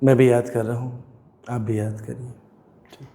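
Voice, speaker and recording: A man's voice: mid-range voice, flat delivery, moderate pace, mellow. A man, unwell and sore-throated, teaching a physics class and teasing and scolding his students. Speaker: coaching teacher.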